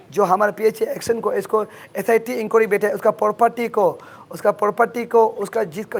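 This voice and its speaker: A high-pitched man from Arunachal Pradesh speaks with a hoarse, worn throat. He presses his points earnestly, circling back and repeating his demands with insistence. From Arunachal Pradesh, India. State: hoarse from shouting. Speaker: activist guest. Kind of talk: impassioned interview answers.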